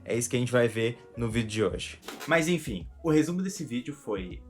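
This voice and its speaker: A man's voice: medium pitch, animated, moderate pace, soft background music. Young Brazilian man chatting casually. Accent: Brazilian Portuguese. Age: young adult. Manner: chatty, laughs often, repeats himself. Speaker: vlogger. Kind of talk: casual reaction vlog.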